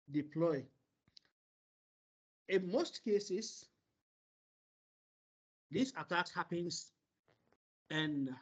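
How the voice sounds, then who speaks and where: A man moderating an online seminar over a video call, relaying questions and explaining in a halting way with many pauses. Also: fairly high pitch. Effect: heard over a video call. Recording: dull lo-fi meeting audio.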